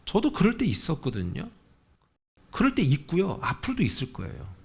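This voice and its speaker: Lively, animated Korean pastor preaching. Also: male voice, on the high side, a little fast, gravelly, husky. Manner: conversational preaching, asks the congregation questions, acts out quoted voices. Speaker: senior pastor. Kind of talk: sermon. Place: church sanctuary.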